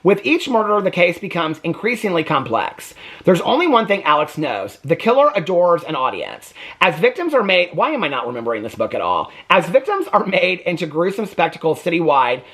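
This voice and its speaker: In a high voice and at a fairly quick clip, an American man reviews books he has read in a casual chat. He reads out synopses, then cuts himself off with asides and wry grumbles, animated and talkative throughout.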